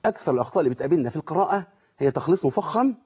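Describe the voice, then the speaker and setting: A man's voice: on the high side, lively intonation, very fast, a little mellow, slightly rough. A man with an Egyptian accent teaching Quran recitation rules. He keeps asking questions and answering them himself. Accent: Egyptian Arabic. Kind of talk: tajweed lesson with recited examples. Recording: dull lo-fi sound.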